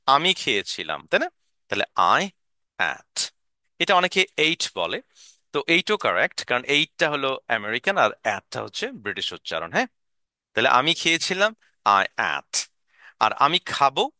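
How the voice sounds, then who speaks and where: Close-miked with no echo, a man leads English drills, giving short sentences for the learners to repeat. His tone is very bright and his pitch moves a lot.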